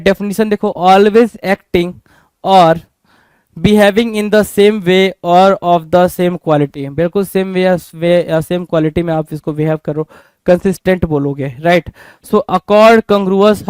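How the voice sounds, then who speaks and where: A man's voice: high-pitched, darkish tone, clean tone, no room sound. An Indian man teaching an exam-prep vocabulary lesson, asking questions and answering them himself, repeating each word as a drill. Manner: repetitive, drilling.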